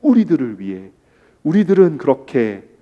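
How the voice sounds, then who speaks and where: A man preaching a sermon as pastor, who moves between hushed, slow emphasis and loud, impassioned pleading. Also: fairly high pitch, sing-song, dull audio.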